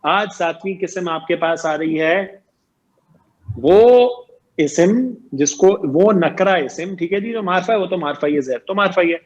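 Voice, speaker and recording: A man's voice: high-pitched, dull audio. A man teaching grammar in an online lecture, explaining patiently, quizzing his students and repeating each point.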